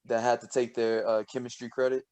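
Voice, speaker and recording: A man co-hosting a casual podcast, telling stories with lots of laughter and restarts, and dropping low and quiet when he quotes himself. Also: level tone, brisk, clean tone. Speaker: podcast co-host, scientist. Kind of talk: casual storytelling chat.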